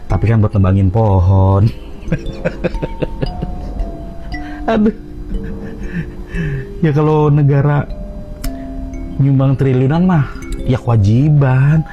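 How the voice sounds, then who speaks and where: A man's voice: mid-range voice, animated, very slow, pauses often. A man giving wry, amused reaction commentary. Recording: dull lo-fi sound, faint music.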